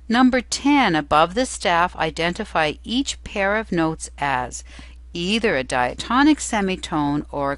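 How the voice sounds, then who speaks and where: A woman's voice: lowish voice, dry recording. A woman teacher giving an instructional lesson, explaining patiently and carefully, step by step. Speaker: music theory teacher.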